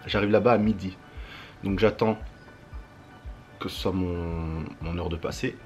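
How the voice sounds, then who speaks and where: Shortly after having his wisdom teeth removed, a young vlogger chats casually, telling things in slangy, animated bursts dotted with little sound-effect words. He speaks normally in a low, unhurried voice. The highs are cut off, and faint music plays behind him.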